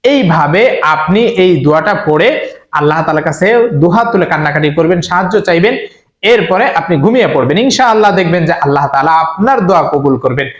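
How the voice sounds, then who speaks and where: Male preacher, slightly higher voice, direct and earnest delivery, echoey room. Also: animated, dull audio. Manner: earnest, repetitive, addresses the listener directly; slow chanted Arabic recitation. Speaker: Islamic preacher. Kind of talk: religious instruction video.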